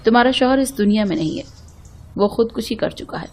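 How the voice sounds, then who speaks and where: A woman voicing a calm, sorrowful wealthy young man in a spoken story, reading his lines in a quiet, steady, unhurried way. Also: medium pitch, creaky.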